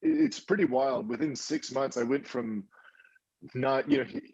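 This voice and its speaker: Guy in his 30s rambling thru a story, gravelly voice, kinda lo-fi sound. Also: mid-range voice, a little slow, no room sound. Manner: rambling, animated storyteller with many restarts. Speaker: indie film producer, guest. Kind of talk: casual interview chat.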